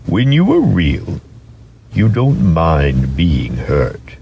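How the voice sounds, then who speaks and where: Man playing a wise old toy horse, very deep. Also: huge pitch swings, gravelly, dull audio, a little hiss or hum, full character voice. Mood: gentle, wise. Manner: gentle, patient, measured.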